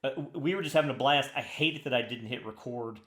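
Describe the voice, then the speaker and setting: Fast and a bit bright, this mid-range male voice belongs to a podcast co-host chatting casually and enthusiastically. He rambles and restarts often, and the recording has a roomy echo.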